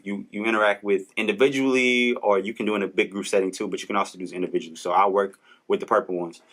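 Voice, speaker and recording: A man's voice: fairly low pitch, a bit bright. A young man hosting a podcast, talking in an earnest, preachy way and restarting his words often. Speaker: podcast host. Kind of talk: casual motivational talk. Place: Los Angeles.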